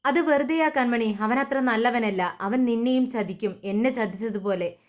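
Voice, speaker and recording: A woman's voice: on the high side, moderate pace, lightly acted. Bitter jilted woman, read by a woman; insistent, accusing tone.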